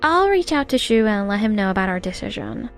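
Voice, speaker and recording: A woman with a medium-pitched, sing-song voice speaks a little fast, playing a careful, perceptive young secretary in an earnest manga dub. Her manner is earnest, professional, and businesslike, with faint music playing in the background.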